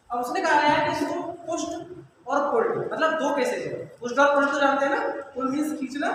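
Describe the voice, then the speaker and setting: A man with a high voice teaches physics, pausing again and again to check that his class understands. He sounds far from the microphone, and his words ring with a long reverb through a large hall. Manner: checks understanding after nearly every line; mixes English technical terms into Hindi explanation. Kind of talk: classroom lecture. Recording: echoey hall from far off, faint noise.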